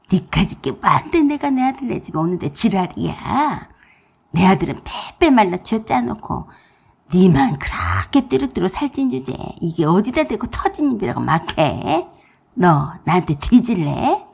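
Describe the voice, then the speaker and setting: A woman's voice: mid-range voice, very animated, measured pace, vocal fry, darkish tone, breathy edge, heavily acted. A woman voicing a nagging, scornful older mother-in-law in a radio drama. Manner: scolding, contemptuous.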